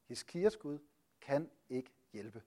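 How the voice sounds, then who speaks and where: A man's voice: medium pitch, very animated, mellow, lightly acted. A man voicing an arrogant, mocking ancient army commander who fires off boastful, taunting questions.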